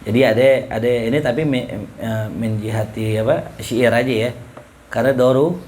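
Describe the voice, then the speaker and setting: A man's voice: mid-range voice, normal speed, a little hiss or hum. Guy teaching a class, chatty and jokey, keeps asking the students stuff. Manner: relaxed, jokey, asks students questions, reads Arabic then explains. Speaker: ustadz teaching Arabic rhetoric. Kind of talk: casual classroom lecture.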